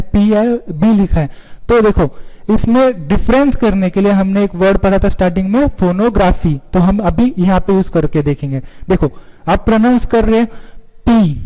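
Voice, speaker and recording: In an online stenography lesson, a male teacher poses questions to the class, answers them himself, and draws out individual letters. His voice is high with a dark tone, and the recording carries a long hall reverb.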